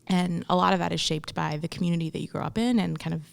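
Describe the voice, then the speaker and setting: A young woman from Memphis, Tennessee, in the US talks reflectively as an interview guest in a casual conversation, frequently restarting and filling pauses with um. Her lowish voice keeps a steady tone, moves quickly, and has vocal fry.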